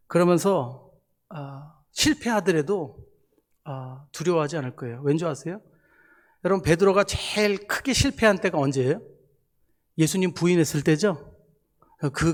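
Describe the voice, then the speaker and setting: A middle-aged man preaching a sermon as a missionary pastor, talking to the congregation in a casual, animated way and asking them rhetorical questions. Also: sits high.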